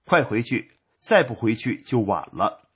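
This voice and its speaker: A man's voice: medium pitch, big pitch swings, a little slow, slightly rough, exaggerated voice. A man voicing the commanding male king of the underworld, giving brief orders. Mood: urgent.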